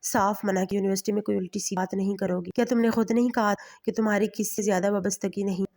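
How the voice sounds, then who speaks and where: This is a harsh, protective young husband, voiced by a woman reading a romance story. He scolds in short, hard sentences. The voice sits at a middling pitch. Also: flat delivery, darkish tone, close to an everyday voice. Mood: stern.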